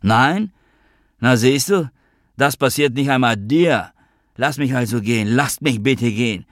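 A man's voice: fairly low pitch, a little slow, dry recording, clean studio sound, voice pushed up, lightly acted. A man reading an audiobook, voicing a desperate, unraveling male film star who pleads and rambles in a raised, strained voice. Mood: despairing plea. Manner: pleading, rambling, falling apart.

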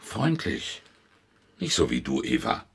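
An actor playing a cautious backstage helper at a wrestling club in a radio play. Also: male voice, extremely low pitch, wildly swooping pitch, slow, gravelly, breathy edge, heavily acted. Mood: cautioning. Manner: cautious and warning.

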